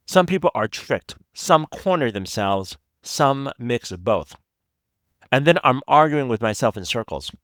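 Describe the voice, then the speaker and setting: A man hosting a podcast, giving scripted investigative narration in a measured, reflective way with deliberate emphasis. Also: medium pitch, a bit bright, no echo. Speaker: podcast host.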